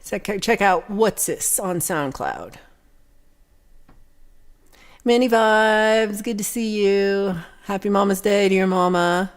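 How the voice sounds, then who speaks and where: This young Texan-accented woman hosts a relaxed livestream where she reads viewer comments and talks in a chatty, meandering manner. She has a medium-pitched voice and a measured pace.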